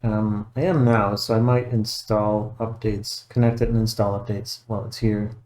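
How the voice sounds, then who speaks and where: A man's voice: lowish voice, little pitch movement, moderate pace, darkish tone. A man working as a computer repair technician talks through a casual tech walkthrough, methodical and matter-of-fact, thinking aloud as he goes.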